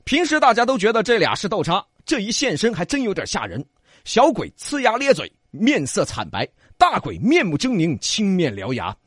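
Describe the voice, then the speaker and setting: Animated high-voiced Sichuanese storyteller. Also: male voice, moderate pace, breathy edge, dry recording, studio quality. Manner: joking, animated. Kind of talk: comic two-hander folk-tale storytelling.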